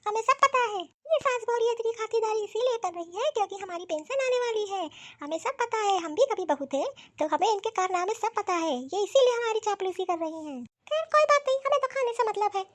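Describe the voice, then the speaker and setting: A woman voicing a grumpy, suspicious old grandmother in a cartoon, scolding in a shrill, complaining way. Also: a little fast, fairly bright tone. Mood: grumbling. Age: older. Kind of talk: cartoon voice acting.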